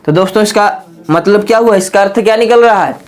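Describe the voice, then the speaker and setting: A man's voice: high-pitched, fast. A man teaching a spoken grammar lesson. He repeats his points and keeps putting rhetorical questions to his friends. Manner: repetitive, asks the class rhetorical questions and keeps calling them friends.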